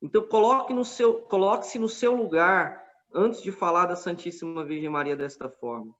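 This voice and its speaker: Brazilian guy on a podcast, kinda high voice, earnest storytelling, sounds a bit muffled. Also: normal speed, a bit bright. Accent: Brazilian Portuguese. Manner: earnest, retelling a street debate with quoted dialogue.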